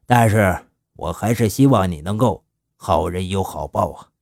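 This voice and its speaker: A male storyteller voicing a shrewd older gang leader who speaks slowly and with fatherly authority. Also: low-pitched, expressive, creaky, darkish tone, no room sound, studio quality, exaggerated voice. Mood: hearty. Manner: slow, measured, fatherly.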